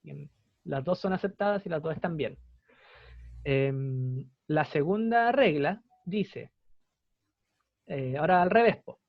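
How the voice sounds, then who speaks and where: A young man with a Chilean Spanish accent teaches English in an online class. His voice sits high and he explains patiently, repeating each example. The sound is dull and lo-fi, with a dry, close feel. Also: expressive, unhurried, gravelly, long pauses, no echo.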